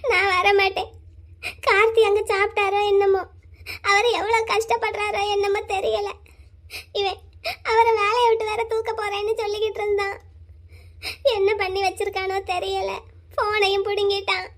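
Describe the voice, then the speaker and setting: A tearful young cartoon bride with a very high, thin voice, voiced by a woman. She talks through sobs and sniffles, pleading and broken-hearted. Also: flat delivery, moderate pace. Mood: weepy. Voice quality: very high, sobbing voice. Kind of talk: cartoon voice acting.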